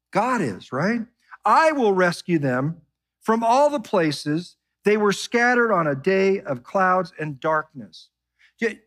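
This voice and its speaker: A man preaching a sermon, who keeps asking his listeners questions and reads scripture slowly and softly. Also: high voice, slightly rough. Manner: animated preaching, asks the congregation questions. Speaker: pastor.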